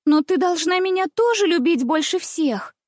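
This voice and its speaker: A spoiled little girl of noble birth, high-pitched and bossy, who giggles and demands , as a woman puts her on for a storybook. The sound is dry and close. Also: expressive, normal speed, no echo. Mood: capricious. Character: spoiled rich little princess girl, capricious.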